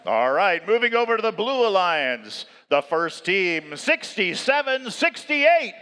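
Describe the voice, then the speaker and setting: A man working as an event emcee, announcing a live competition in a showy, hyped style like a fighting game announcer, with drawn-out calls. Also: high-pitched, very animated, sharp tone, a little hiss or hum. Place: large indoor competition venue. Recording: echoing large arena PA.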